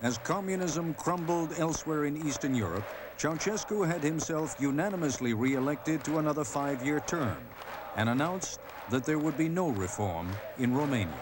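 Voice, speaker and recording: A man's voice: on the high side, expressive, moderate pace, noisy background. Solemn male documentary narrator. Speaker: news documentary host and narrator.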